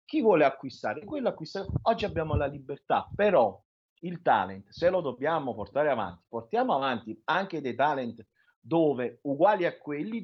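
A Neapolitan singer-songwriter in his forties, from Naples, Italy, chats as a guest in a casual radio interview over a remote line into the show. His voice sits on the high side and sounds husky, and the sound is lo-fi. He talks colloquially and tells rambling stories.

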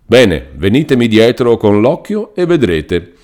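A man's voice: medium pitch, very animated, measured pace, a little mellow, pitched above the performer's own voice. A man voicing a pompous, fussy middle-aged country lawyer who blusters and reads legal texts theatrically.

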